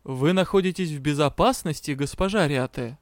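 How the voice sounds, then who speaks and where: A man's voice: fairly high pitch, normal speed, no room sound, lightly acted. A man voicing the spirit of a dead male mage who speaks gloomily and with stiff, haughty politeness. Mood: formal. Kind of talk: audiobook reading.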